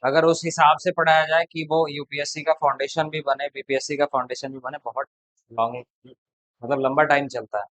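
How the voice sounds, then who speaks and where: A man's voice: a little high, level tone, normal speed, a bit bright, dry recording, low-quality recording. A man tutoring a class, talking casually and bluntly to his students between problems. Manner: blunt, chatty, lecturing. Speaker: math tutor.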